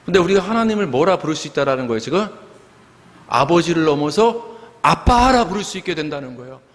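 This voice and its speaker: A man's voice: fairly high pitch, expressive, fast. A middle-aged man preaching a sermon as pastor of a church, leading the congregation to call out together. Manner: earnest preaching, leads the congregation in calling out together. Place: church sanctuary. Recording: long church hall reverb.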